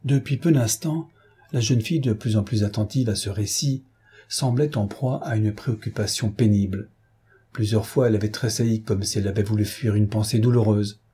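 A man reading a classic novel aloud in a steady, measured storytelling manner. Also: lowish voice, husky. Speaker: audiobook narrator.

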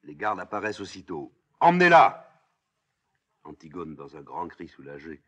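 A man reading the stage directions of his own play in a quiet, flat manner. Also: extremely low pitch, a little fast, slightly rough.

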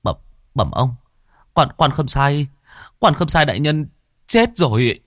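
A man's voice: medium pitch, very animated, unhurried, fairly bright tone, pitched above the performer's own voice. Man doing a stammering young soldier. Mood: panicked. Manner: stammering, repeating words.

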